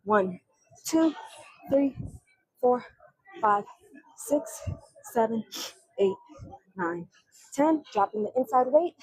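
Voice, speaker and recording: Breathless young woman, husky and dry-miked, counting reps mid-set in a gym. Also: a little high, animated, slow, pauses often, darkish tone, no room sound, poor audio. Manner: strained, breathy counting between effort grunts. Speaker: fitness vlogger. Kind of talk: counting reps during a workout.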